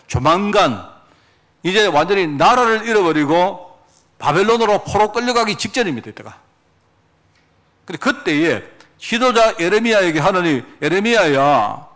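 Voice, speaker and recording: Animated high-voiced male preacher. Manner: animated preaching, acting out quoted prayers. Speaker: pastor. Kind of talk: sermon. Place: church sanctuary.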